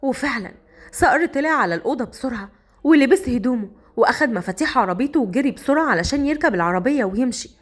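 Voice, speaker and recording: A woman with an Egyptian accent narrating a dramatic story in a lively telling. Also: a little high.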